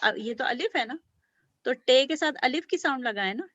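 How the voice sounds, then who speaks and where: A woman's voice: sits high, expressive, normal speed, a bit bright, no echo. A woman teaching beginner language to children, patiently sounding out letters and praising often. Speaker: Urdu teacher.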